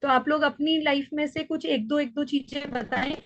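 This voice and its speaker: A woman's voice: high-pitched, fairly even intonation, moderate pace, a little hiss or hum. A middle-aged woman parenting coach leading an interactive workshop, explaining with everyday examples and putting questions to her listeners. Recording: dull, slightly lo-fi dry recording.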